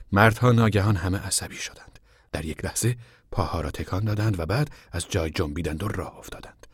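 A man giving scripted audiobook narration in a steady, measured way. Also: no room sound, studio quality. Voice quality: husky, low.

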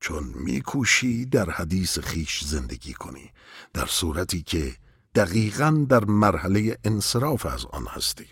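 Wise old sage for a storybook reading, a man reading him: deep, husky, patient and instructive, with a lively lilt. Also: dry recording, clean studio sound, heavily acted. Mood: calm. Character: wise old king, calm and mysterious.

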